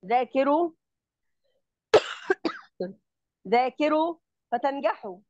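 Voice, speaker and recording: Egyptian woman, online grammar tutor, slightly high voice, patient step-by-step explainer who checks understanding, muffled call audio. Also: lively intonation, slow, dry recording. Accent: Egyptian Arabic. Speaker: Arabic grammar teacher.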